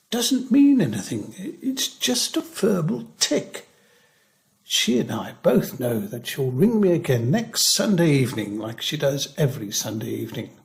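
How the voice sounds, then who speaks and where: An older man performs a reflective, measured dramatic monologue as a lonely, wry retired teacher nearing eighty who lives in a care home. His voice is mid-range with vocal fry.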